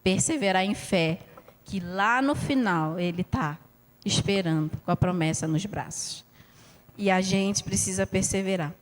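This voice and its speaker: A woman's voice: mid-range voice, a little slow. Woman pastor preaching in a reverberant hall. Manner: heartfelt storytelling, frequent "né" asides. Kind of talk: sermon with personal testimony. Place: church hall.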